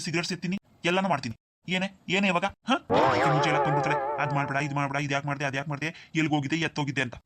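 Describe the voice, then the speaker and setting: A man's voice: a little high, fairly bright tone, no echo, natural voice. A man voicing a defiant, boastful drunk husband in a cartoon, firing back brash retorts. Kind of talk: cartoon voice acting.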